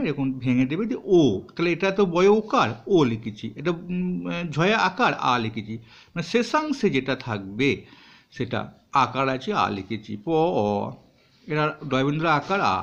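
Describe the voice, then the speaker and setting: A man teaching students, patiently explaining and sounding words out syllable by syllable. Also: fairly high pitch. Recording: dull lo-fi recording.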